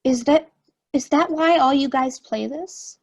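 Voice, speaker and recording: A woman's voice: high-pitched, measured pace, gravelly, darkish tone. A woman playing a skeptical, awkward older sister with a dry, questioning way of talking in a play reading.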